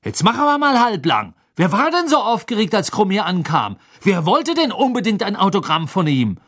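A reader voicing a clever teenage girl witch in an audiobook, indignant and quick-talking. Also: medium pitch, big pitch swings, husky, pitched above the performer's own voice. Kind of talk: audiobook character voice.

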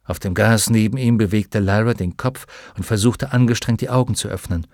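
A man reading a novel aloud as an audiobook narrator, with steady storytelling narration. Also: fairly low pitch, brisk, no echo, studio quality. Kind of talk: scripted narration.

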